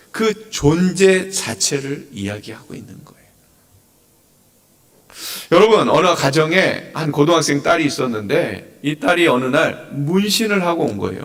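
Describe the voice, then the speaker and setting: A man preaches to his congregation in an animated way and keeps asking them questions. His voice sits a little high and rises and falls a lot. The sound carries the long echo of a church hall. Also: distant mic. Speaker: pastor. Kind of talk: sermon. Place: church sanctuary.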